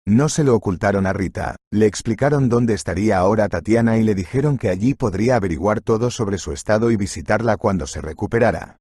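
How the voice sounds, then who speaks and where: Low, husky male storyteller. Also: fast, hardly any pauses, a little mellow, no room sound, studio quality. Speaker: narrator. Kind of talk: scripted story narration.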